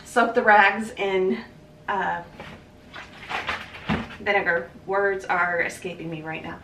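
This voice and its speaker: A woman in her thirties, a cleaning vlogger, chats while tidying her kitchen at home, thinking out loud with fillers and restarts. Her mid-range voice is a bit bright. A camera mic a few feet away catches roomy kitchen sound and a little background noise.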